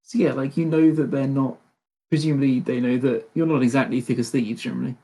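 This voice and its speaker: A game master narrating a tabletop role-playing game in a chatty way, with many fillers and quick self-corrections. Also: mid-range voice, fairly even intonation, dark tone.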